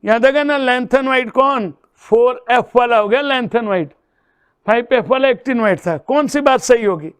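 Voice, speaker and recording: Slow, high-voiced man teaching chemistry. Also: fairly bright tone, clear, resonant tone, dry recording. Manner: addresses students as "beta", checks each step aloud. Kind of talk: exam-prep lesson solving problems.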